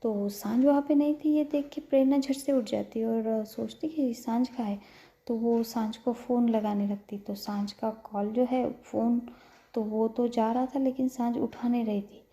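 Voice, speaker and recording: A woman's voice: fairly high pitch, steady tone, moderate pace, mellow. A woman narrating a love story in a casual, chatty way, with frequent fillers and self-corrections.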